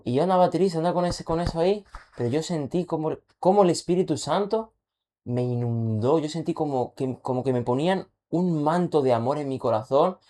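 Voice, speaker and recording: A man's voice: a little high, brisk, warm tone. A man on a faith podcast sharing a testimony with fervor and urging the listener directly. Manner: fervent, exhorts the listener directly. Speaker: podcast co-host.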